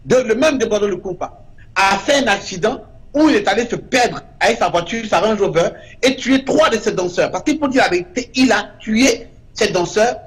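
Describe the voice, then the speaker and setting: A man's voice: high-pitched, animated, moderate pace. A man, a guest artist in an interview, speaking with emphasis and repeating short verdicts. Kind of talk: impassioned interview talk.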